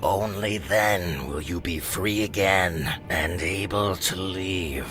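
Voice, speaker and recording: Deep, solemn talking skull. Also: male voice, over music. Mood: solemn, ominous. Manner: solemn, incantatory, deliberate. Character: mysterious talking skull totem, solemn male spirit guide. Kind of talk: video game character acting.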